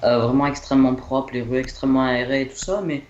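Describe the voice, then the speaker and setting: A man's voice: medium pitch, flat delivery, quick pace, darkish tone, dull audio. A young man chatting casually about his holiday, hesitant, with many fillers and restarts. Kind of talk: rambling casual chat. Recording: echoey room, faint noise.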